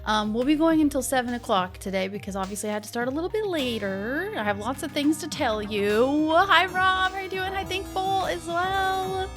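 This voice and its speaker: Picture a woman livestreamer with a high voice and a playful gamer-girl manner. She chats casually with her viewers in a bubbly, chirpy way. Music plays softly behind her. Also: normal speed, hardly any pauses. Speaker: live streamer host. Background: background music.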